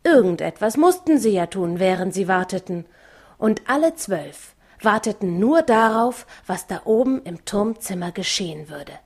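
A woman narrating a children's novel as an audiobook, calm and measured. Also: medium pitch. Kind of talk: audiobook reading.

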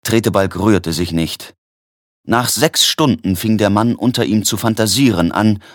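A man narrating a story in an expressive audiobook reading. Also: fairly low pitch, unhurried, dry recording, studio quality.

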